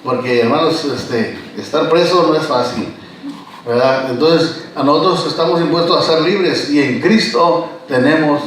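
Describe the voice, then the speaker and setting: A man with a fairly high voice preaches to his congregation, telling stories and calling out to the brothers. He sounds distant from the microphone in a very reverberant church. A faint hum of room noise sits underneath. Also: unhurried. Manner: storytelling, keeps addressing listeners as brothers. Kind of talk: sermon. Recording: echoey church recorded from far off.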